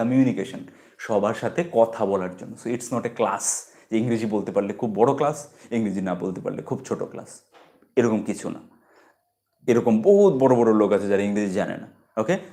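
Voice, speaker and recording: Man, casual english lesson, lively pitch swings, repeats himself. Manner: lively, repeats phrases, mixes English words in. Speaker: English teacher.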